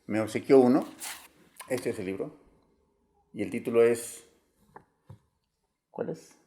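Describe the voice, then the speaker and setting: A man hosting an interview with a warm, dark voice. He introduces his guest formally and asks questions with earnest care, stopping often on fillers. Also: medium pitch, slow pace, a little hiss or hum. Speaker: interviewer, host.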